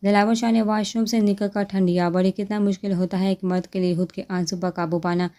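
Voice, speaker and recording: A woman narrating a romance novel as an audiobook, reading in a steady, gentle way. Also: medium pitch.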